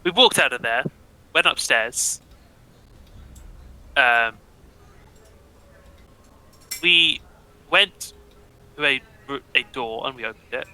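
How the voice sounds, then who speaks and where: A man recapping a tabletop game session as a player, with deadpan, profane jokes. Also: mid-range voice, slow pace, pauses often, rough recording.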